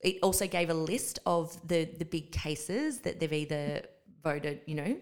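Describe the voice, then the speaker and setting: A woman's voice: low-pitched, a little slow. Chatty woman podcast co-host. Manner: chatty, laughs easily, thinks aloud with ums. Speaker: podcast co-host, Pilates teacher trainer. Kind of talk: casual podcast chat.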